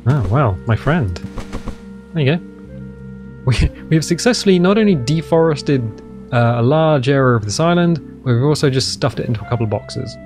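An English-accented man hosting a survival game playthrough, talking casually and joking at his own expense. His voice swings freely up and down in pitch, and faint music plays underneath. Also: expressive, normal speed, darkish tone. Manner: chatty, playful, self-mocking asides. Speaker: gaming channel host. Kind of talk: let's play commentary.

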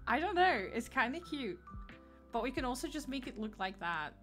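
Giggly Dutch-accented woman, lively and bright. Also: sits high. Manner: chatty and giggly, greets viewers by name. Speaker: livestreamer. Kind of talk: casual livestream chat while gaming.

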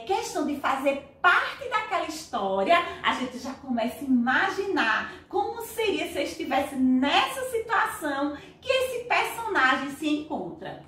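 A middle-aged woman, teaching a recorded class for children in an animated way and acting out story voices. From Brazil. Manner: animated, acts out story voices with sweeping pitch. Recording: very echoey room, voice from far off mic.

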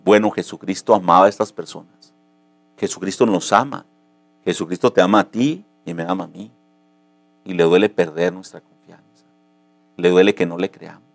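Brief: male pastor, fervent sermon delivery, dry close mic with a low electrical hum. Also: moderate pace, gravelly, pauses often, no echo. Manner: builds from calm teaching to impassioned high-pitched preaching.

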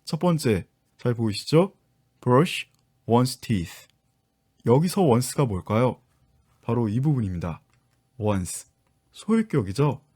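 A man leads an online English lesson and takes his viewers patiently through each step. His voice is mellow and relaxed, and his pitch sits in the middle range. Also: takes it slowly, long pauses, husky. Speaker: English teacher and book author.

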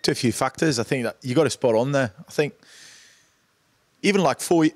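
Man, guest ex-player, hesitant delivery, mid pitch, dry mic. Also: a little fast, no room sound. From France. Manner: hesitant, with fillers.

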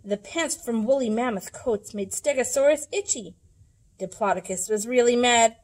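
Reading a rhyming picture book aloud at children's storytime, a woman in her thirties uses a fairly high voice at normal speed. She sings the lines expressively in a library room indoors.

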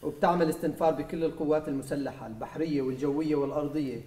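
A man's voice: fairly high pitch, steady tone, racing, mellow, echoey room, lightly acted. A man voicing a stern, contemptuous old male ex-dictator who scolds his son, with a Syrian Arabic accent. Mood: commanding.

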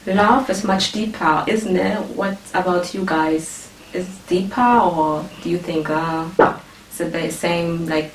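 A young woman hosts a relaxed talk about relationships, chatting and thinking aloud with plenty of fillers. Her voice sits slightly low. She sounds distant in an echoey room with a faint hiss. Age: young adult. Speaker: host. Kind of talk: casual youth discussion. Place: indoor living room. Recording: roomy, distant camera audio with faint hiss.

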